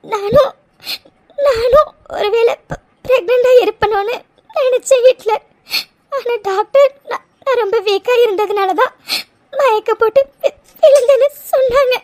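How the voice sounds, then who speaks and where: A woman's voice: very high-pitched, mellow, dry recording, clean studio sound. A woman voicing a young cartoon wife who sobs and stammers as she speaks of longing for a baby. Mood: tearful. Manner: sobbing, halting speech. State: crying. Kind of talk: cartoon voice acting.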